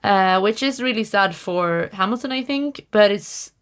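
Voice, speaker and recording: A woman's voice: mid-range voice, expressive, measured pace, smooth. A young woman co-hosting a casual podcast, chatty and wry, full of fillers and restarts. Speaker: podcast co-host. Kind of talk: casual chat.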